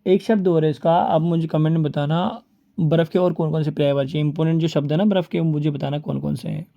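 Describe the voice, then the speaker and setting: A man's fairly high, fairly evenly intoned voice carries some vocal fry in this exam-prep vocabulary lesson, and the audio lacks its upper frequencies. With a Rajasthani Hindi accent, he lists words fast and keeps saying "ठीक है" and "बोलते हैं". "दोस्तों" and "भाई" are how he addresses his viewers.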